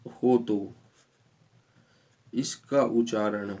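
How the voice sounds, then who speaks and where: A man's voice: lowish voice, fairly even intonation, warm tone. A man teaching a spelling lesson, repeating each word and spelling it out letter by letter. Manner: slow, repetitive, spells words out letter by letter. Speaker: coaching teacher.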